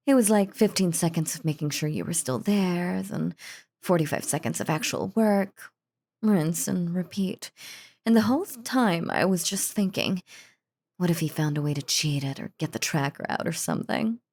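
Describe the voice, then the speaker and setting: A voice actor plays a possessive yandere wife in an intimate audio roleplay, her voice a little low for a woman, slightly mellow, and crackling with vocal fry. At a normal speed she dotes and gushes over her husband, sweetly menacing and cheerfully unhinged.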